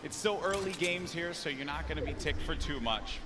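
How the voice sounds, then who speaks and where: A man commentating live on a competitive online game, mixing chatty analysis with excited calls. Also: on the high side, fairly quick, a loud crowd. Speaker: esports caster.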